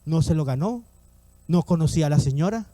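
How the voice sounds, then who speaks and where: A man's voice: on the high side, animated, a little fast, warm tone, no room sound. A male pastor preaching an emphatic sermon, calling on the congregation to repeat his words and acting out the voices in his stories. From Latin America. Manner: emphatic, repeats lines and calls on the congregation to respond.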